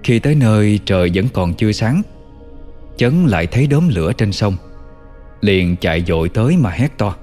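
A low-pitched man tells an old folk tale at a calm, measured pace. His voice carries a long reverb tail, and soft music plays behind it. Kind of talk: storytelling narration.

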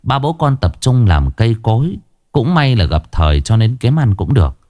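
A man tells a ghost story aloud in an expressive storytelling voice. His pitch moves widely as he narrates. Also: normal speed, no room sound, clean studio sound.

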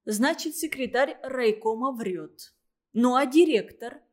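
A woman's voice: on the high side, lively intonation, slow pace. A woman voicing a hectoring male official. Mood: accusing. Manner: hectoring and loud. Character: stern male party official, accusing, domineering.

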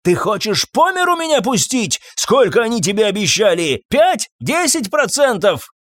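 A man voicing a furious, suspicious old landowner who shouts and hisses accusations at his servant. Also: fairly high pitch, slow, dry recording, studio quality. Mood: raging. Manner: shouting, hissing, enraged accusations.

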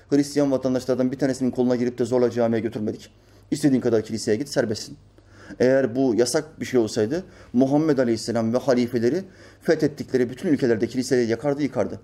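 A man's voice: mid-range voice, warm tone. A man reading out a news article and rebutting it in an emphatic, preacherly commentary full of rhetorical questions. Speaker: religious commentator.

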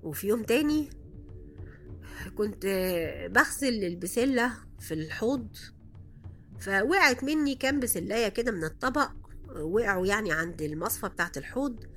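High-voiced Egyptian woman telling horror stories. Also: normal speed, pauses often, slight background noise. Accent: Egyptian Arabic. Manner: dramatic, expressive storytelling. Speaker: horror story narrator. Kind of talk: first-person horror storytelling.

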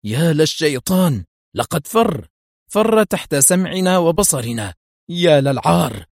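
A man voicing a scheming male mafia lieutenant who taunts, then shouts in alarm. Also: fairly high pitch, sing-song, a little slow, vocal fry, no echo, clean studio sound, pitched above the performer's own voice, heavily acted. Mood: stunned. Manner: mocking, turns panicked and shouting.

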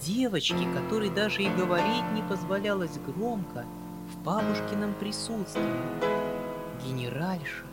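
Male narrator, high and bright, measured literary reading over faint music. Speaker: audiobook narrator.

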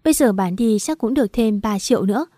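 A woman's voice: a little high, quick pace, no echo, studio quality. A woman narrating a first-person audiobook story in an earnest, bitter tone. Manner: earnest, bitter, steady reading.

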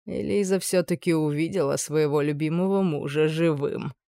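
A woman voicing a scheming, menacing older male judge with a low, insinuating purr. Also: normal speed, creaky, warm tone, no echo, studio quality.

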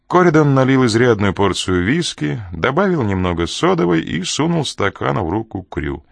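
A man narrating an audiobook in a steady, even reading voice. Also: medium pitch, normal speed, creaky, no room sound.

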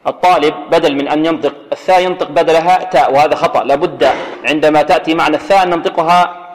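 A man teaching Quran recitation rules, drilling letters slowly and asking rhetorical questions. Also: fairly high pitch, in a large hall. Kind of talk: tajweed lesson with call-and-repeat drills.

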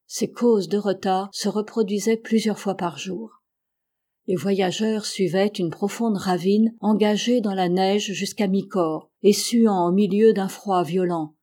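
Mellow-voiced woman reading an audiobook. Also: mid-range voice. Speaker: audiobook reader. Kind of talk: audiobook narration.

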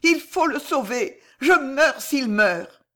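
A desperate young daughter, as a woman voices her in an audiobook, pleading and tearful. The pitch rises well above the narration and swings in a lively way. The lines come slow and emphatic. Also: heavily acted. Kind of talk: audiobook character reading.

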